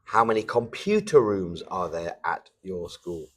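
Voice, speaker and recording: A man's voice: low-pitched, very animated, unhurried. A man acting as examiner in a mock English speaking test, asking simple questions and patiently repeating and rephrasing them. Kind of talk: mock oral exam questions.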